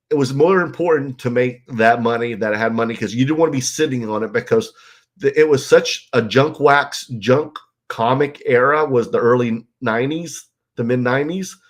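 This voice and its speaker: Nasal and stuffed up from a cold, a male host with a medium-pitched voice chats on a casual livestream from a bedroom at home. He reads out viewer comments in loose, rambling talk peppered with ums and you-knows.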